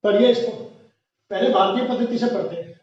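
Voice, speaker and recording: A male maths teacher from India with a Rajasthani Hindi accent, giving a slow classroom lecture and counting place values aloud. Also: sits high, darkish tone. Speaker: math teacher. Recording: echoey lo-fi classroom from far off.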